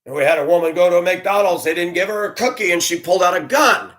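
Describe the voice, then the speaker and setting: A man's voice: high-pitched, quick pace, a bit bright. A man who used to drive a school bus, telling his own story in an earnest, heartfelt way while venting his frustrations. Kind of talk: candid personal storytelling.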